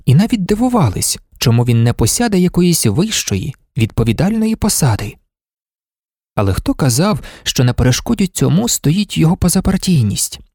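Male audiobook narrator, expressive literary reading, animated pitch, dry close sound. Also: moderate pace, no echo. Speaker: audiobook reader.

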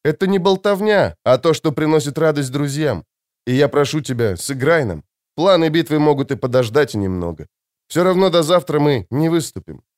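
A man's voice: a little high, animated, normal speed, close to an everyday voice. A man reading the part of a stern, weary young noble heir who talks in an impatient grumble. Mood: irritated.

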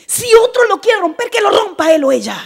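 A woman preaching a fervent sermon, with emphatic repeated phrases, who swings from soft asides to shouted exhortation. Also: extremely high pitch, very animated, a little fast, gravelly.

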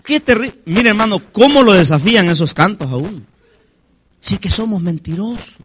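A middle-aged Mexican man preaches a dramatic sermon, acting out the voices of those he quotes and shouting his high punch lines. There's a little hiss or hum in the recording.

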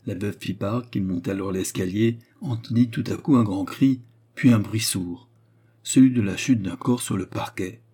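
A man narrating a novel as an audiobook in a measured storytelling manner. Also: on the low side, mellow, slightly rough.

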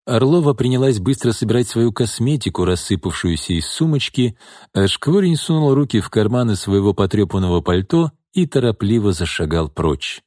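A man narrating an audiobook in a measured, even reading voice. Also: lowish voice, no echo, clean studio sound. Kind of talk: scripted narration.

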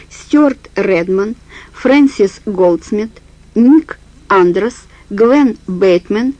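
A woman narrates a horror audiobook in a steady, measured way. Her voice is dark and mellow. It is recorded close and dry, with no room sound. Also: mid-range voice, no room sound, poor audio. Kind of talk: scripted narration.

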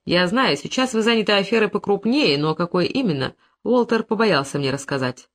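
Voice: mid-range voice, expressive, brisk, fairly bright tone. A domineering, wealthy husband who is scornful and aggressive toward his rival, voiced by the audiobook reader. He snaps and sneers, pushing his words hard. It is a tense confrontation in an audiobook. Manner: aggressive, contemptuous.

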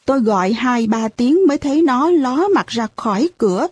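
Woman narrator, audiobook, lively expressive telling, dry sound. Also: a little high, moderate pace, husky, no echo. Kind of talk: storybook narration.

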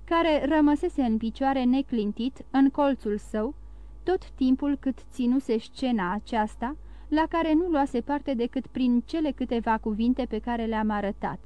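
A woman narrating a classic novel in an expressive, measured reading. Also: on the high side, clean tone. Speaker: audiobook narrator.

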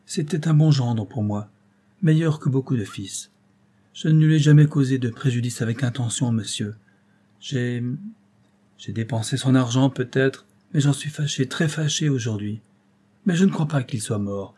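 A man's voice: medium pitch, normal speed, mellow, voice pushed up, lightly acted. A man reading aloud and voicing a grieving, pleading old drunken grandfather who halts and repeats words. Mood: anguished. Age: older.

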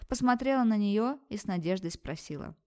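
A woman narrating a first-person novel aloud in brisk, vivid audiobook style. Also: mid-range voice, expressive, darkish tone.

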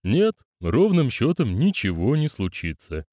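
Brief: man playing a gloomy old postman, lowish and resigned, lively but heavy-hearted delivery. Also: moderate pace, no room sound. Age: older. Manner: resigned and mournful. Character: weary, gloomy old male postal veteran.

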